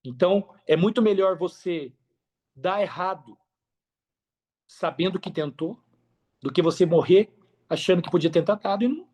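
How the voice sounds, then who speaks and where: On a lo-fi recording, a high, animated male voice with a darkish tone speaks at a moderate pace, pausing often. He's a Brazilian affiliate marketer telling his story as a podcast guest, casually and expansively, with slang and repetition for emphasis.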